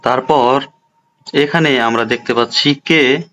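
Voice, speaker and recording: A man's voice: mid-range voice, takes it slowly, sharp tone, slight background noise. Patient Bangladeshi man teaching a class. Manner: patient and explanatory, often repeats and rephrases. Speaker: online teacher. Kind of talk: lesson explaining a textbook.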